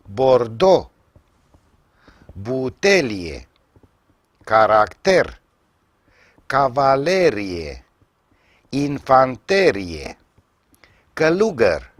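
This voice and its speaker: A man teaching pronunciation on a TV program, reading word lists in a measured, didactic way with dry, wry asides and filler pauses. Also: mid-range voice, no room sound. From Romania. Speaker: language teacher hosting a TV segment. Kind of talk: televised language lesson, reading word lists.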